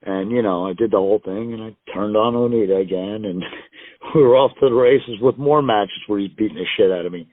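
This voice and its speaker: Over a tinny, dry phone line without echo, a US wrestler guest speaks in a lowish voice at a fairly quick clip. He rambles through stories in casual interview style, poking fun at himself and laughing a lot.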